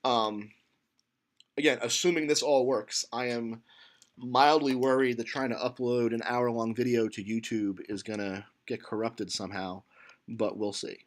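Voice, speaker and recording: A man's voice: medium pitch, steady tone, moderate pace. A man teaching a computer science class, talking casually with many fillers and restarts as he thinks aloud. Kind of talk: lecture.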